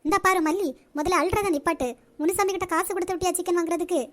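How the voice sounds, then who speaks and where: A woman voicing a kind, caring middle-aged mother in a cartoon, talking in a gentle motherly way. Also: very high-pitched, steady tone, quick pace.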